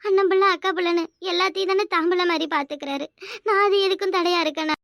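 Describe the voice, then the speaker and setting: A woman's voice: very high voice, fairly even intonation, quick pace, fairly bright tone, dry recording, clean studio sound. A woman voicing a scheming young wife in a village cartoon, with a whiny, self-pitying way of talking. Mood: sobbing. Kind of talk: Tamil village cartoon voice acting.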